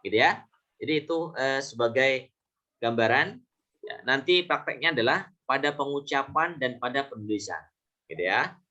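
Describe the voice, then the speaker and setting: A man teaches a class on reading Arabic, speaking at an ordinary mid pitch. He is patient and repeats each example word slowly, with small fillers and self-corrections along the way. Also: animated, bright, forceful tone, highs cut off. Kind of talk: classroom lesson.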